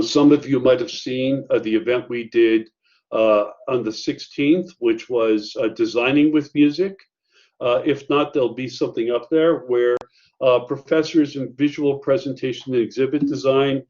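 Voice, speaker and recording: A man's voice: mid-range voice, a little mellow. Chatty man leading an online training. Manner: conversational, many fillers and asides. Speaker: workshop presenter. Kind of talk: online faculty training talk. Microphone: video call. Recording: muffled video-call audio.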